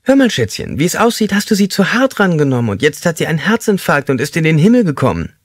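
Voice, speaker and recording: A man's voice: a little high, wildly swooping pitch, fast, no echo, clean studio sound, voice pushed up. A man voicing a nervous male prison inmate who stutters, in an audiobook. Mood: wry, nervous. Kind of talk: audiobook character voice.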